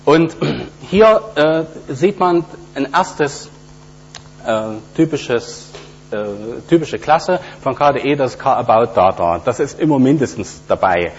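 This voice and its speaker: A man presents a technical talk at a conference, walking through a live demo step by step with plenty of hesitations and fillers. His medium-pitched voice is expressive and slow. The recording sounds dull and lo-fi, with a faint hum.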